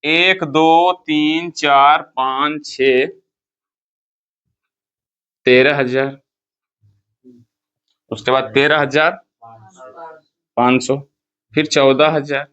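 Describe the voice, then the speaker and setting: A man's voice: medium pitch, steady tone, extremely slow, long pauses, fairly bright tone, smooth, highs cut off. A male math teacher with a Bihari Hindi accent, lecturing a class. He asks questions, answers them himself and counts through the steps. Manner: counts step by step, repeats key terms.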